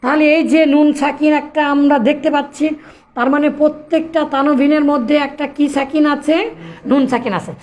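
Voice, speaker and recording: A woman with a high voice teaches Arabic grammar. She poses questions to her pupils and answers them herself, calling them by fond terms. She often recites the rules in a sing-song chant. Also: fairly even intonation, a little fast, darkish tone. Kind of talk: classroom-style lesson.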